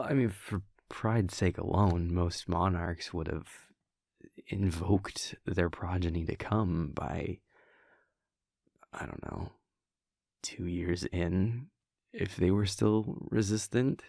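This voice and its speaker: Speaking very low, slow and soft, a man plays a wry, affectionate vampire prince and playful boyfriend in an intimate audio roleplay, his creaky voice exaggerated and full of chuckles and casual hesitations. The close, dry studio-style mic has no echo, so it feels like a private chat with a partner.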